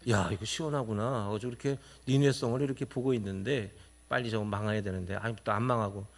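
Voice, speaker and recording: A man's voice: fairly low pitch, fairly even intonation, quick pace, voice pushed down, close to an everyday voice. A man voicing a sulking, grumbling prophet who wishes he were dead, with exasperated groaning sighs. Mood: grumbling despair. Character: sulking grumbling male prophet wishing to die.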